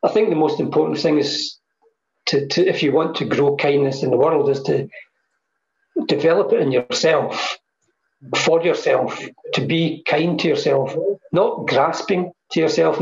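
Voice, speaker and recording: A man's voice: fairly high pitch, normal speed, vocal fry. A man speaking as a guest over a video call, talking thoughtfully and repeating phrases for emphasis. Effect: heard over a video call. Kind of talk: reflective interview talk on mindfulness. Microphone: computer mic on a video call. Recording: dull, echoey video call audio.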